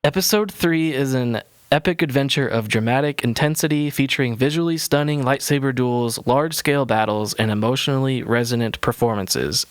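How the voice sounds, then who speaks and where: A man's voice: mid-range voice, dry recording. Man, 30s, podcast host, reading a script, stumbles on long words, dry sound. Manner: reads a written intro, stumbling on long words. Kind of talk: casual podcast chat with a read-out intro.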